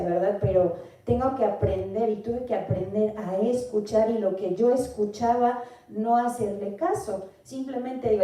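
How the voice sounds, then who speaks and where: Mexican woman teaching the bible, super dark mellow voice, echoey room, kinda far from the mic. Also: mid-range voice. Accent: Mexican Spanish. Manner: earnest, questioning the listener directly.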